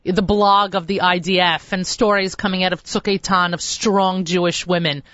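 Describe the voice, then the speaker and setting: A woman's voice: fairly low pitch, fairly even intonation, moderate pace, fairly bright tone, dry recording, dull audio. A woman hosting a talk show interview, effusive and full of enthusiastic interjections.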